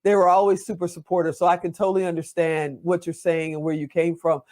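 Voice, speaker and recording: A woman's voice: fairly low pitch, little pitch movement, fast, dark tone. Chatty encouraging lady host in her 50s, army vet, rambles a bit. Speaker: talk show host, veteran. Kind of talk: interview conversation.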